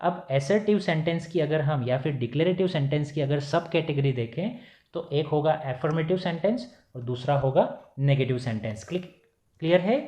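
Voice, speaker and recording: A male teacher giving a recorded grammar lesson, repeating key points as questions to his pupils and slowing down to dictate definitions. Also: a little high, warm tone. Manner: switches to slow, dictated English for definitions.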